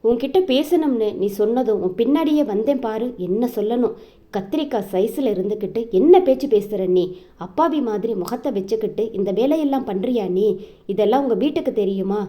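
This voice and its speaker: A young man who scolds bluntly, in a very dark, mellow voice, as a woman narrator puts him on. He lectures in plain, everyday speech for an audio novel. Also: mid-range voice, normal speed, lightly acted. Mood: angry. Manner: scolding, brusque. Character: young man, stern and scolding groom-side relative.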